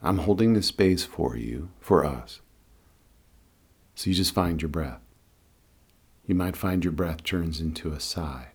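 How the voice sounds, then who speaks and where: A man leading a guided meditation in a calm, soothing, unhurried way. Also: low voice, breathy edge. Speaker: guided meditation and breathing teacher.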